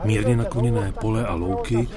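A man giving measured, scripted documentary narration as a reporter. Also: on the low side, fairly even intonation, a loud crowd.

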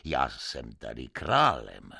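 A gruff old king with a harp, as a male reader puts him on, stern and commanding. The voice sits very low with a gravelly, husky edge. It is read as a radio story. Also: huge pitch swings, pushed and bright, no echo, studio quality, heavily acted.

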